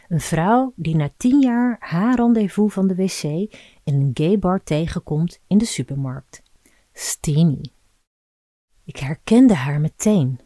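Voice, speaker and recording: A woman narrates a scripted story in a low, mellow voice. Her delivery is calm and even, close and intimate. The sound is dry and close, with no room around it. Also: no room sound. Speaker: podcast narrator.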